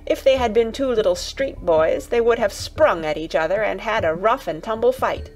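A woman narrating a classic children's audiobook in a calm, even storytelling voice. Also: medium pitch, moderate pace, soft background music, low-quality recording.

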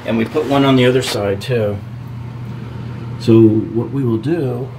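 An unhurried man with a mid-range, fairly even voice narrates over background noise. As a DIY remodeling host working in a home bathroom, he explains the repair step by step in a down-to-earth way, using casual fillers.

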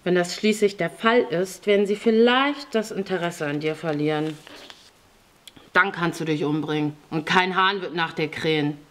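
A woman's voice: lowish voice, normal speed, fairly bright tone, close to an everyday voice. A woman voicing a hard, threatening grown man in an audiobook reading. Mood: menacing. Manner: harsh, threatening. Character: stern, menacing grown man.

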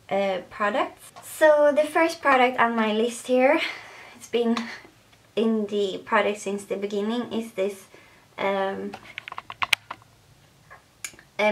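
A woman's voice: mid-range voice, slight background noise. A young woman with a Swedish accent talking casually to camera as a beauty vlogger, hesitant and full of fillers.

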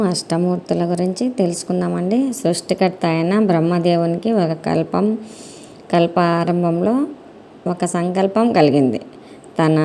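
A woman narrating a devotional story in a reverent, gentle manner. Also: lowish voice, slight background noise.

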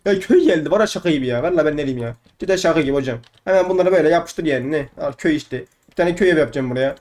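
A man's voice: a little high, expressive, racing, a little mellow. A young man giving casual let's-play commentary, chatty and playfully swearing, often repeating words over and over. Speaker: gaming YouTuber.

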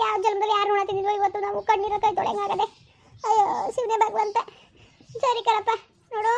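A tender, fretful old village mother, acted by a woman, with a lilt. Her voice sits very high and the words tumble out quickly as she fusses and consoles, leaning on God in every other breath. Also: slight background noise. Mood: lamenting, then fussing. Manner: fussing and consoling, invoking God. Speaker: mother of a banished son.

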